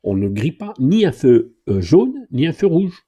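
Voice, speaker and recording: A middle-aged man, a driving instructor, answers viewers' questions live. His pitch swings widely as he jokes and reads their comments aloud. His tone is dark and a little husky. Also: normal speed, muffled recording. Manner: chatty, joking, animated, reads comments aloud.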